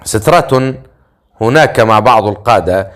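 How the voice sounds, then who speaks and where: An eager young woman in an audiobook fantasy tale, talking quickly with a worried, lightly scolding edge, as a male narrator raises his voice for her. Her pitch sits above his usual speech. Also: lively intonation, a bit bright.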